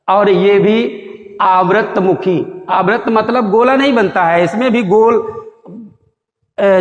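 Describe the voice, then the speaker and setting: Male grammar teacher, high voice, patient and repetitive, sounding out each vowel; echoey room with a long tail. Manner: demonstrates vowel sounds aloud, repetitive and explanatory. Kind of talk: classroom lesson explaining vowel sounds.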